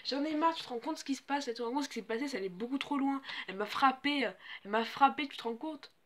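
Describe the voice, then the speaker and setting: A woman's voice: high-pitched, quick pace, voice pushed up, lightly acted. A woman voicing a shaken young woman housemate who complains plaintively. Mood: upset. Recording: music playing behind.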